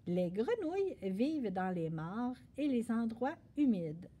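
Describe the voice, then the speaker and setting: A woman voicing a sensible, patient big sister in a storybook reading, calm and a little weary. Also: fairly high pitch, measured pace, breathy edge, heavily acted. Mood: reading aloud.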